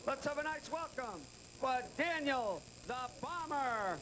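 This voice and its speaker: A man's voice: very high voice, lively intonation, slow. A man announcing boxing introductions formally, projecting and drawing out names in a live venue. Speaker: ring announcer. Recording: noisy live fight venue.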